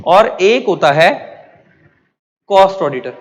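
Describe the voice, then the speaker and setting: A man teaching a class in a high voice. He keeps asking questions and answering them himself. His voice rings with a long reverb. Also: animated, takes it slowly. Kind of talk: classroom lecture.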